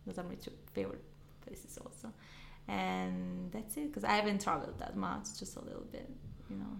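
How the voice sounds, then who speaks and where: Soft-spoken young woman, slightly gravelly. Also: mid-range voice, fairly even intonation, normal speed, a little hiss or hum. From Ecuador. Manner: soft-spoken, hesitant, trails off quietly. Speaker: guest YouTuber. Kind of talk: casual interview chat. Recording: echoey room.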